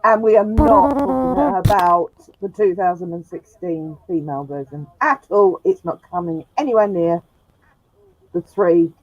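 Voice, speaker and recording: In a dull, dry, lo-fi recording, a woman with a fairly low voice speaks a little slowly but animatedly. She's chatting casually and laughing frequently as host of a sci-fi live stream in a glass-roofed room.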